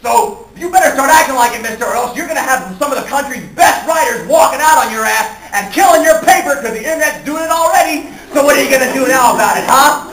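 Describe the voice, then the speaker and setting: A man voicing a brassy, fearless woman reporter who is loudly telling off her boss, recorded in an echoey hall. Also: very high voice, lively intonation, fast, few pauses, a little hiss or hum, voice pushed up, full character voice. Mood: defiant. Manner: loud, defiant, scolding. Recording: echoey hall, mic far off.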